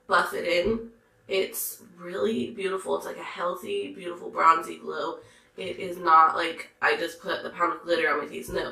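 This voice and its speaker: A hoarse, congested woman talking in a chatty, gushing way, reviewing makeup. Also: fairly low pitch, sharp tone, reverberant, rough recording. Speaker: beauty vlogger. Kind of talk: casual makeup review chat.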